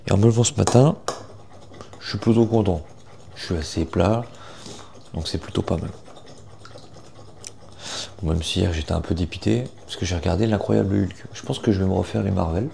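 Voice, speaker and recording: A young man chatting casually in a morning vlog, informal and self-deprecating, with a gravelly morning voice full of vocal fry. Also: deep voice, normal speed, pauses often, background noise. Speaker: vlogger.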